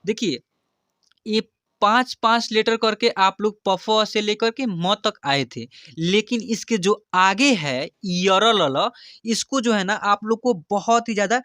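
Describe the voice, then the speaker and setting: Male Hindi tutor, high voice, dry close recording, chatty filler-heavy explanations, loud drilled letter sounds. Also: slow pace, dry recording. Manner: repeats filler phrases, loud drilled syllables. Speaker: Hindi teacher. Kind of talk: online lesson, reading letters aloud.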